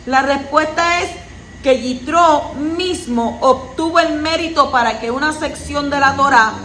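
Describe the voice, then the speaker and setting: A woman reading and teaching a weekly Torah portion in a measured tone, adding brief explanatory asides. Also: high-pitched, fairly bright tone, reverberant, a little hiss or hum, poor audio. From Puerto Rico.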